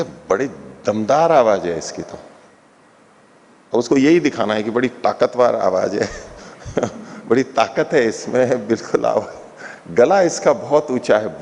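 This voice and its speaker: A man with a gravelly, creaky voice teaches a classical philosophy text. He takes his time, repeating each term and breaking it down for his listeners. His voice carries a long reverb, as if he is speaking in a large hall. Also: medium pitch, a little mellow. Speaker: scripture teacher. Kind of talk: explanatory lecture on a philosophy text.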